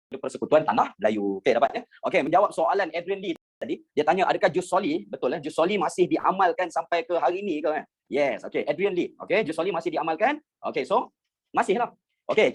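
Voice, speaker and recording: Young Malaysian male teacher, slightly high, husky voice, brisk and chatty. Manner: quick, chatty, mixes English phrases, keeps checking understanding. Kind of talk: online history lesson.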